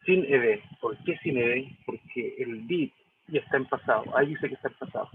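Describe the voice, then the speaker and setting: A man's voice: mid-range voice, moderate pace, slight background noise. Chilean man teaching English, tinny audio. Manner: explains step by step, asks "¿sí?" and "¿cierto?" often. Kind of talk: recorded lesson walking through a reading.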